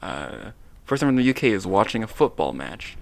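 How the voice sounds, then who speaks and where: Gravelly-voiced young man chatting playfully. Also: lowish voice, very animated. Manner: playful, teasing, drawn-out repetition. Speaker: co-host. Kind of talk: casual chat.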